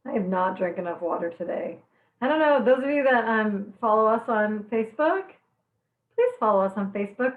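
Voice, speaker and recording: Her eyes watering from the onions she's chopping, a woman with a slightly high voice runs a live online cooking class in a chatty, bubbly way, laughing at her own jokes. The recording is reverberant and phone-quality.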